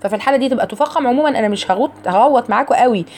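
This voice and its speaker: A woman with an Egyptian accent teaching a recitation lesson to a group of women. She chants verses in a slow, drawn-out way, then breaks into chatty explanation, repeats model sounds and quizzes her listeners. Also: a little high, a little mellow. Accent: Egyptian Arabic.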